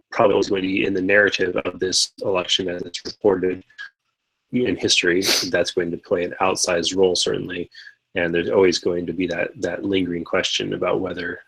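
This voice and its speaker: A man co-hosts a live stream in a low, gravelly voice that stays fairly flat. He rambles through his points with lots of fillers and restarts. His tone is a little husky. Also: poor audio. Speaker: podcast co-host. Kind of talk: casual political discussion.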